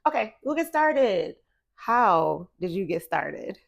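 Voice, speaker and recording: A woman's voice: mid-range voice, sing-song, takes it slowly, vocal fry. Bubbly woman hosting a chat show. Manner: bubbly, laughs often while talking. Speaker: podcast host. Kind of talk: casual interview chat.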